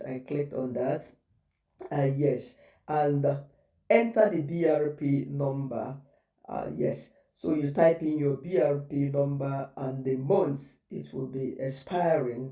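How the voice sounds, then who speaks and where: A man's voice: mid-range voice, mellow. Man guiding viewers in an echoey room. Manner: patient instructional, repeating steps. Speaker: tutorial host. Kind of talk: step-by-step how-to guide. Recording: echoey room, distant mic.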